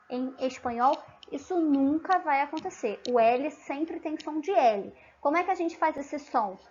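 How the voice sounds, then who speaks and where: Woman, Brazilian accent, high voice, patient teacher tone, muffled lo-fi audio. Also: a bit bright. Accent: Brazilian Portuguese. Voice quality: patient, repeats and checks with frequent tag questions. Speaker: language teacher. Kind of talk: online language lesson.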